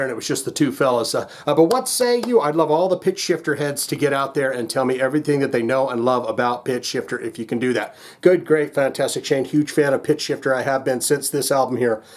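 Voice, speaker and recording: Hosting a music reaction video, a medium-pitched man chats casually with viewers. He rambles and jokes, frequently cutting himself off.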